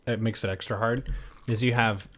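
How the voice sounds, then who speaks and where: A man's voice: fairly low pitch, steady tone, moderate pace, a bit bright, a little hiss or hum. A man co-hosting a casual livestream, talking in a friendly conversational way. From United States. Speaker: co-host.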